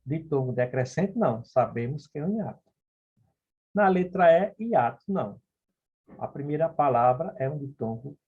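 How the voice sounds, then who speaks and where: A Portuguese grammar teacher with a dark, slightly rough, medium-pitched voice works through phonetics exam questions one step at a time. His explanatory lesson, captured in dull lo-fi audio, is full of "ok?" and "beleza?" check-ins.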